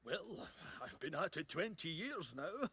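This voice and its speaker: An actor playing a sarcastic, boastful middle-aged blacksmith who laughs and teases in video game dialogue. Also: male voice, fairly high pitch, sing-song, measured pace, bright, forceful tone, slight background noise, exaggerated voice.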